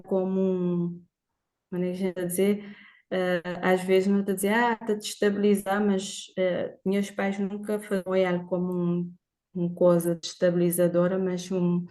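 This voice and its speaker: In a live conversation, a guest from Portugal and Cape Verde talks cheerfully and spontaneously, rambling with lots of fillers. Her voice is medium-pitched and mellow.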